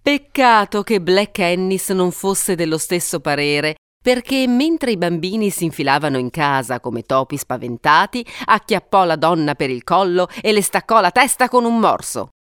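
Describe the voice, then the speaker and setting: A woman narrating a fairy tale in an expressive, dramatic way, lingering on moments of suspense. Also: on the low side, normal speed, few pauses, clear, resonant tone, no echo, studio quality. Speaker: storyteller.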